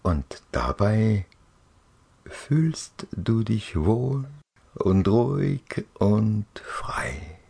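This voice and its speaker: A man narrating a guided relaxation journey for children in a soft, dreamy, soothing way, with gentle pauses and a breathy, husky voice. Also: fairly low pitch, sing-song.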